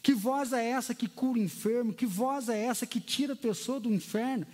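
A pastor, a man preaching a lively, storytelling sermon in a church hall. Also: very high voice, fairly quick. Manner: lively storytelling preacher who acts out quotes. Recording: long hall reverb.

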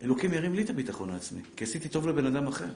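A middle-aged man giving a live religious lesson, lively and joking, speaking straight to his listeners and acting out family scenes. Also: on the high side. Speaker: Torah teacher. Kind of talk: live Torah lesson to an audience. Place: class room with a live audience. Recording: echoey room.

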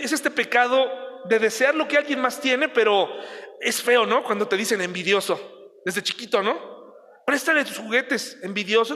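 A man with a Mexican accent preaching a sermon, his voice very high and bright. He talks in a chatty way, asks the listeners questions and acts out everyday scenes. The long reverb of a large hall trails after his words. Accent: Mexican Spanish.

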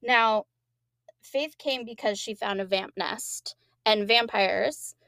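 Gravelly-voiced woman co-hosting a chat podcast. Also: on the high side, slow, fairly bright tone, no room sound, studio quality. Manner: rambling, quotes characters with laughs. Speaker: podcast co-host. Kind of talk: casual chat, recapping episodes.

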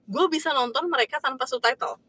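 Chatty husky young woman. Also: high voice, fast, bright, forceful tone, no room sound. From Indonesia. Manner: chatty, storytelling with acted-out quotes. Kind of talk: casual chat.

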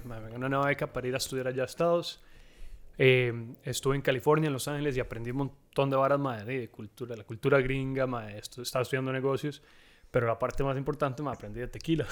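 A Costa Rican man in his thirties, telling stories as a guest in a relaxed chat, saying "mae" often. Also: medium pitch. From Costa Rica. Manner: relaxed, says "mae" constantly, storytelling. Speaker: guest, tequila brand founder. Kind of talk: casual podcast chat.

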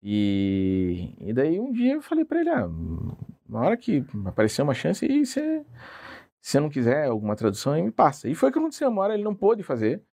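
A translator recounts his story in an interview, talking fast with a warm, slightly high voice that swings widely in pitch. The conversation is relaxed, though he's hesitant and self-deprecating, often restarting his sentences.

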